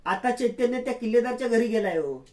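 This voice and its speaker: A man's voice: extremely high pitch, expressive, fast, darkish tone, voice pushed up. Guy playing a worried woman sidekick, urgent, pushy tone. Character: anxious woman, the villain's accomplice.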